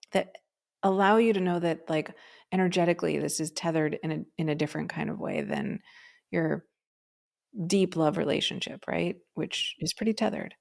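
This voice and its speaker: A woman's voice: fairly low pitch, creaky, a little mellow. A woman co-hosting a podcast, telling a personal story in a chatty way, often tagging "right?" onto her sentences. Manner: chatty, frequent "right?" and "um" fillers. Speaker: podcast co-host. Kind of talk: casual conversational storytelling.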